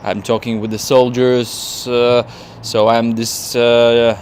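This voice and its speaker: Man, Ukrainian speaker, average pitch, halting phrasing, casual interview guest, faint outdoor traffic noise. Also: little pitch movement, darkish tone. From Estonia. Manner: halting, hesitant non-native phrasing. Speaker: guest, volunteer campaign coordinator. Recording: noisy outdoor city street with traffic.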